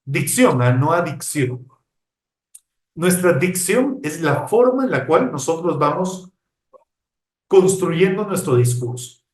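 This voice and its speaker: Animated man lecturing in an echoey room. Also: a little high, unhurried, far from the mic. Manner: animated, varies tone and volume on purpose, addresses the audience as "chicos". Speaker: psychologist and employability counselor giving a webinar. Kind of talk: live online lecture. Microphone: close to a computer microphone.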